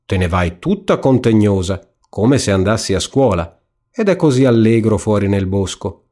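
A man voicing a sly, greedy wolf in a spoken storybook, low and coaxing. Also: animated, normal speed, warm tone. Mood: scheming.

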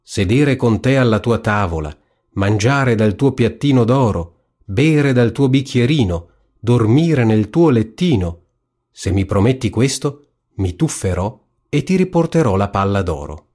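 A man's voice: medium pitch, expressive, unhurried, darkish tone. A man voicing a persistent male frog in a storybook reading, coaxing and insistent. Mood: bargaining.

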